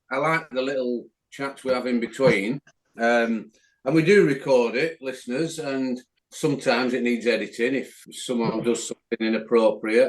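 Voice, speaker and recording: A man's voice: mid-range voice, low-quality recording. A man with a Northern English accent hosting a club podcast, chatty and rambling. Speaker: podcast host. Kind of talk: casual chat.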